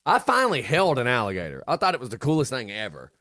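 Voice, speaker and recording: A man's voice: mid-range voice, wildly swooping pitch, quick pace, bright, forceful tone, dry recording, studio quality. A man hosting a morning radio show in casual banter, cracking crude, mocking jokes and laughing often.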